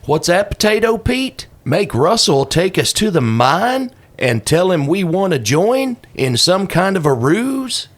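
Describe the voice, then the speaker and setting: Man as an eccentric, swaggering lawman, higher-pitched. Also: sing-song, unhurried, hardly any pauses, heavily acted. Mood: scheming. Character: eccentric menacing Old West lawman who consults a potato.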